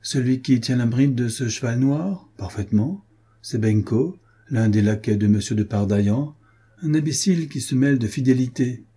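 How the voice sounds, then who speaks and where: A man voicing a brutal mercenary captain in an audiobook, talking in a gruff, barking way. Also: mid-range voice, normal speed, dark tone, natural voice. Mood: scornful.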